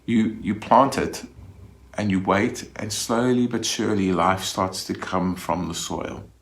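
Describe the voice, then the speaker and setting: A male minister delivers a recorded Sunday reflection in a relaxed, conversational way. His voice sits a little low, and he often stops to restart his phrases. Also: a little slow, vocal fry.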